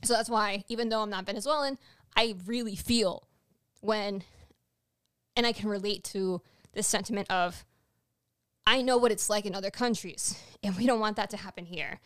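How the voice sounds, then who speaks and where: A woman co-hosting a casual political podcast, talking in an animated, rambling way with many restarts. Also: medium pitch, moderate pace, clean tone, dry recording, studio quality. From Latin America. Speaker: podcast co-host.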